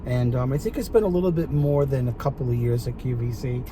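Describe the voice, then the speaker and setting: Male chef guest, Brooklyn accent, soft-edged mellow tone, casual storytelling with faint car noise. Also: mid-range voice, fast. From Brooklyn, New York. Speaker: guest chef and TV product presenter. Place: inside a parked car.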